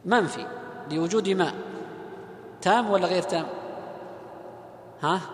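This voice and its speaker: A man teaching Arabic grammar to a class, quizzing his students and answering himself, reciting verses slowly and loudly. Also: high-pitched. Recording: echoey hall.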